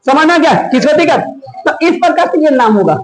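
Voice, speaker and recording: A man's voice: very high-pitched, animated, fast talker. A male teacher giving a classroom lesson, constantly quizzing his students with repeated questions. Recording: echoey classroom.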